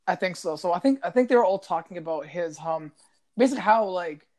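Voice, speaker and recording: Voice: medium pitch, lively intonation, quick pace, a little mellow. A podcast co-host chatting loosely about sports, full of fillers like bro and like. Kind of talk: casual sports podcast chat.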